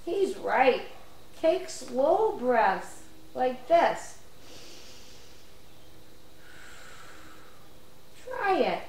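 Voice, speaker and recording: Gentle puppet guide coaching kids slowly, high voice, as a performer puts it on; echoey, distant. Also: very animated, exaggerated voice. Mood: calm coaching. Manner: slow, gentle, explains step by step. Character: patient teacher-like puppet guide. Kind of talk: children's puppet show.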